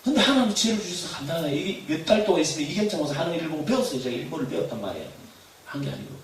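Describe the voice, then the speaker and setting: A man preaching a sermon as pastor, animated, shouting refrains and laughing as he tells stories. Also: on the high side, rapid-fire. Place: church hall. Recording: echoey hall, far from mic, faint noise.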